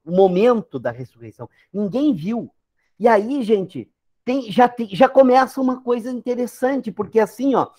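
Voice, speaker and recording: Joking Brazilian pastor, lively and casual. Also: male voice, sits high. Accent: Brazilian Portuguese. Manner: joking, conversational, animated asides. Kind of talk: informal sermon talk.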